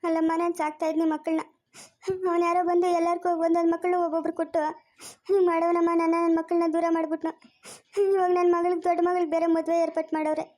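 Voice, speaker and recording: A woman's voice: high-pitched, level tone, fast, dark tone, dry recording, studio quality, lightly acted. A woman voicing a poor, middle-aged male farm laborer who pleads and cries in a cartoon story. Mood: pleading. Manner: pleading, self-pitying. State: crying. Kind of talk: cartoon voice acting.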